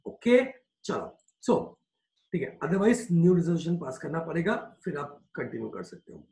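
A male teacher giving a lecture in Hindi mixed with English, slowing down to dictate points and often asking whether it is clear. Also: on the high side, sing-song, warm tone, reverberant. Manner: slows down to dictate points word by word. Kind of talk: classroom lecture.

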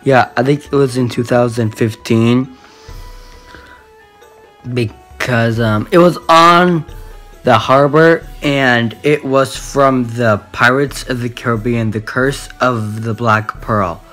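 A teenage male vlogger telling a story casually and haltingly, repeating himself, recorded on a handheld phone in a small room. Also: medium pitch, fairly even intonation, a bit bright, soft background music. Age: teens. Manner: halting, repetitive. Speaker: video host. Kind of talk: casual excited vlog storytelling. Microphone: phone at arm's length.

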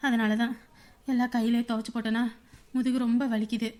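An actress playing a tired village wife with a sore back, speaking wearily. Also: female voice, on the high side, little pitch movement, brisk, a little mellow, natural voice. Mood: weary. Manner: weary, complaining. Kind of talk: Tamil web drama acting.

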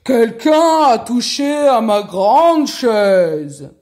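A woman voicing a big, gruff bear who speaks loudly and sternly. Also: expressive, extremely slow. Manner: loud, stern, booming.

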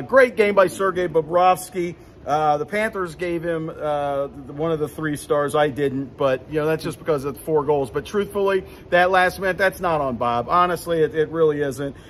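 A man in his fifties with a fairly high voice hosts a casual, rambling postgame recap full of fillers and restarts. He's beside the rink in an indoor hockey arena, filming on a phone camera at arm's length that picks up a little hiss or hum.

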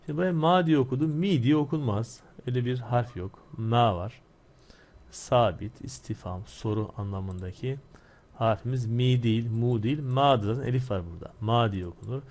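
A man teaching an Arabic grammar lesson, explaining step by step and asking and answering his own questions. He reads Arabic phrases slowly, then explains them quickly. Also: mid-range voice, darkish tone.

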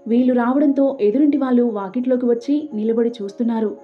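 A woman's voice: fairly high pitch, quick pace. Woman narrating a story. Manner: steady reading voice. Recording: tinny phone-like sound. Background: faint background music.

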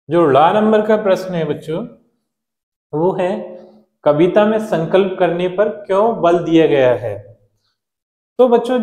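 A male teacher patiently explaining a lesson to children, repeating key words and spelling them out slowly. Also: high-pitched, darkish tone, reverberant.

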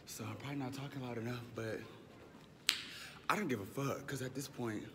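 A young man in his late teens, a student, vlogs around his school with a handheld camera; his mid-range voice moves a little fast with fairly even intonation. He mumbles and swears to his viewers, getting loud and rowdy with friends in this casual vlog. It's recorded indoors in noisy hallways and rooms, with students chattering and ambient noise behind him.

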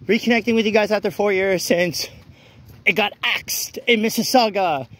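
A man's voice: sits high, moderate pace, fairly bright tone, no room sound. A man vlogging outdoors on a wet city street at night while walking, talking bluntly and ranting with many restarts. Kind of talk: walk-and-talk vlog rant. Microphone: phone held while walking.

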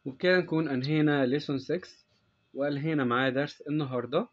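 A man with an Egyptian Arabic accent teaches an English lesson to children, patient and unhurried. He draws out each English word slowly so it can be repeated. His fairly high voice comes through a dull, muffled lo-fi recording. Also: fairly even intonation. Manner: slow and patient, drawing out English words. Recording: dull lo-fi sound.

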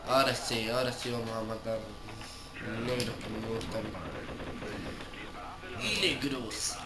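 Casting: young male gamer, Rioplatense accent, snotty head cold, unhurried slangy delivery, roomy home recording. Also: mid-range voice, flat delivery, heavy background noise. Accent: Rioplatense Spanish. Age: young adult. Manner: foul-mouthed, slangy. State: congested with a cold and cough. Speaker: gaming video host. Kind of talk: casual gameplay commentary. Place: indoor room at home. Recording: roomy echo, loud game music. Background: loud game music.

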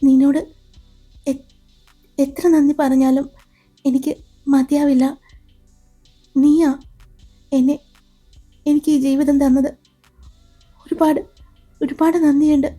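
A gentle young wife in an audio love story, voiced by a woman narrator. Her speech is soft and halting with feeling, pitched clearly high. The tone stays mellow, with faint music behind. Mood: tearful.

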